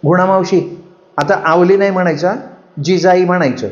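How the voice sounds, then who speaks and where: A man's voice: sits high, fairly even intonation, moderate pace, pitched above the performer's own voice, close to an everyday voice. A male storyteller voicing a cheerful, naive young village bride who talks in an eager, girlish way. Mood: excited. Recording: roomy, slightly dull recording.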